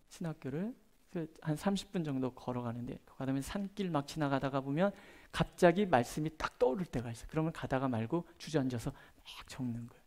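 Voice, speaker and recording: A middle-aged man preaching a prayer-meeting sermon as a pastor, chatting through personal stories and moving between loud emphasis and soft, hushed asides. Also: a little high. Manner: conversational, tells personal stories with gestures.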